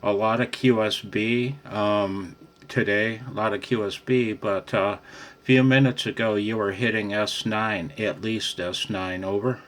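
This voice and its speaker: Chatting on ham radio in a relaxed, friendly way, an American amateur operator films himself on a handheld phone for his channel. His voice is on the low side, a little slow, with fairly even intonation. "Man" comes up often, along with frequent chuckles.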